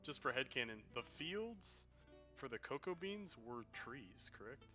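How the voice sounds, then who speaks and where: A man's voice: medium pitch, sing-song, measured pace, pushed and bright, faint music behind. A man playing a tabletop game who speaks hesitantly, with many ums. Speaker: player.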